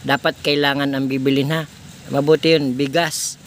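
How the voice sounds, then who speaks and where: A man's voice: medium pitch, little pitch movement, moderate pace, slight background noise. A man filming a casual vlog, coaxing children to speak with short repeated prompts. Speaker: vlogger visiting a needy family.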